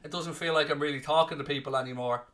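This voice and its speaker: Stepping in as a substitute host, a southeast Irish man runs a live football watchalong stream, reading out comments and bantering cheekily with the chat. His voice is on the high side, fairly bright, with a steady tone and a quick pace.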